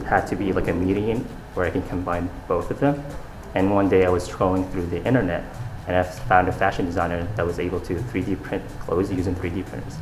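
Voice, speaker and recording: Speaking low and with plenty of reverb around him, a young adult man from Saudi Arabia answers interview questions. He's a fashion designer on as a guest, and his earnest, casual replies are full of fillers and restarts.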